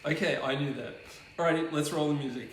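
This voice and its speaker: A man's voice: fairly high pitch, fast. Jokey man co-hosting in an echoey room. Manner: jokey and playful, laughs often. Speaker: co-host. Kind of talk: casual live-stream chat. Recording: echoey room, faint background noise.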